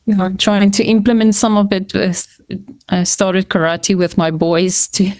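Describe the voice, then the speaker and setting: Unhurried and level in tone, this middle-aged woman speaks at medium pitch with a slightly mellow quality in a dry recording. Afrikaans is her first language, and as a podcast guest in a casual interview she talks hesitantly, with frequent fillers and restarts.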